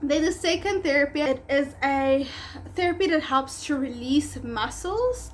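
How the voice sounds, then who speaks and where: In her vlog, a twentysomething pet spa owner from South Africa, Afrikaans by birth, talks in an expressive, unhurried, high voice with her local accent. She wanders and self-corrects as she goes, over faint background noise.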